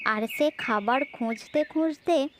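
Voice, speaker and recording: In an unhurried manner, a woman whose voice is distinctly high tells a children's fable as scripted storytelling. The recording carries a faint background noise.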